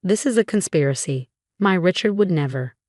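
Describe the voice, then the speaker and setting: A woman voicing a haughty, spiteful mother-in-law who hurls shrill insults, in a low voice. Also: lively intonation, fairly quick, a little mellow, no room sound, studio quality.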